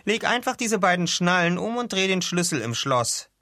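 A man reading aloud and voicing a calm, precise male ship's doctor who explains things carefully. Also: high voice, normal speed, no room sound, clean studio sound, pitched above the performer's own voice, full character voice.

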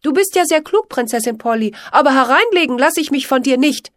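A woman's voice: fairly high pitch, lively intonation, moderate pace, no room sound, clean studio sound, voice pushed up. A woman voicing an earnest, worried young stable boy who stammers and pleads. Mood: angry.

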